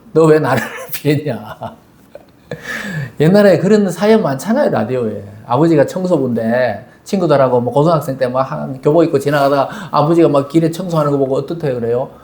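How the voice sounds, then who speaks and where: A man delivers a Sunday sermon in a loose, conversational way, slipping into little acted voices for the people in his stories. His voice sits slightly higher than most men's. The recording carries the echo of a church sanctuary. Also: fast, hardly any pauses. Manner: conversational, animated storytelling with quoted voices. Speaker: pastor. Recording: echoey church hall.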